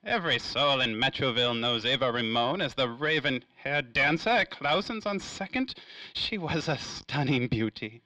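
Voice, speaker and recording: Heard on a low-quality recording with no echo, a man's expressive, mid-range voice has a sharp edge as he portrays a smug industrial tycoon in a noir serial styled after 1930s radio drama. The character is suave, cagey and full of himself, stretching out his words theatrically and dodging questions.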